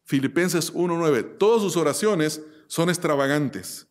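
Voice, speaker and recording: A man's voice: a little high, lively intonation, unhurried. A male pastor preaching a sermon with emphatic repetition and rhetorical questions to the congregation.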